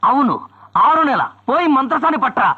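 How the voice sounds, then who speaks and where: Jokey best friend, high and sharp, fast, kinda dull film audio. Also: male voice, lively intonation, noisy background. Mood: joking. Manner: joking, mock-solemn delivery. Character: wisecracking male friend, mock-dramatic jester. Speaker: comic friend of the hero. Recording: slightly dull film soundtrack.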